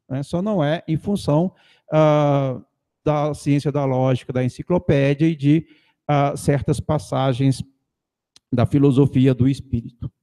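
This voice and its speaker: Dark-voiced man lecturing. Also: on the high side. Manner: measured, thinking aloud with pauses and fillers. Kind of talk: academic lecture. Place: conference hall, seated at a panel table. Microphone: table mic on a stand.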